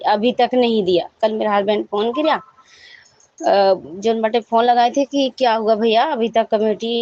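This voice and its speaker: A middle-aged woman pours out a worried, rambling testimony to her congregation and slips into pleading prayer. Her voice sits fairly high. The recording is dull and close, with no room sound. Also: a little mellow, no room sound. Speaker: devotee sharing a testimony. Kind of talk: personal testimony to a devotional congregation.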